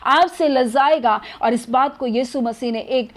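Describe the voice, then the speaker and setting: A woman's voice: a little high, fairly even intonation, moderate pace. A woman preaching a sermon, earnestly asking rhetorical questions and answering them herself.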